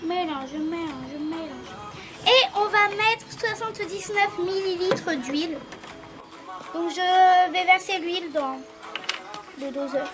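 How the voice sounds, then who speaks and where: A woman's voice: very high-pitched, takes it slowly, loud music behind the voice. A woman chatting casually through a cooking vlog, explaining each step as she goes. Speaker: vlogger.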